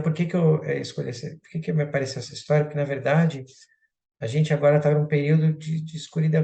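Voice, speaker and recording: Gravelly man telling a story. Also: fairly high pitch. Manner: animated storyteller, frequent restarts. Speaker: speaker at a community talk. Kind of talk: storytelling talk. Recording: roomy echoey room.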